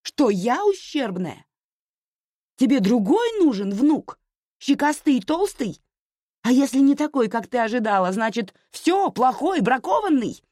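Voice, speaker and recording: A woman reading a story aloud, voicing an exhausted young mother who pleads and then shouts in distress. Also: on the low side, expressive, moderate pace, long pauses, no echo, clean studio sound, voice pushed up. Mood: shouting.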